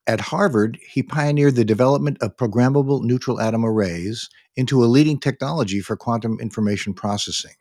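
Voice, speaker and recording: A man hosting a podcast, introducing his guest and asking questions in a polite, formal, measured way. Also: mid-range voice, a little mellow, no room sound, clean studio sound. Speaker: podcast host. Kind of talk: scripted interview introduction.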